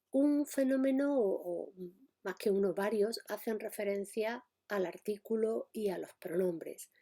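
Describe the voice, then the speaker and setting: A woman lecturer in middle age explains a grammar point in an unhurried, patient way. Her voice is soft-toned and a little breathy. She hesitates often and checks in with her listeners as she goes. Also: medium pitch. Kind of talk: spoken linguistics lesson.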